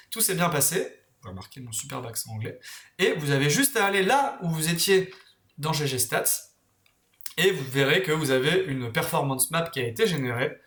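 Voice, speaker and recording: A man casually walking viewers through a software tutorial, correcting himself as he clicks through the steps. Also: on the high side. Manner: casual, talks while clicking, self-correcting. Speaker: tutorial host. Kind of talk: screen-recorded software tutorial. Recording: roomy echo.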